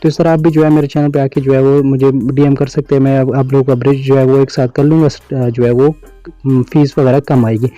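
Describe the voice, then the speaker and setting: A man, hosting a screen-recorded crypto tutorial in a fast, instructive way. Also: medium pitch, flat delivery, dark tone, no echo. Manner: fast, instructive, repeats filler phrases. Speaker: crypto YouTuber. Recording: dull lo-fi audio with faint music.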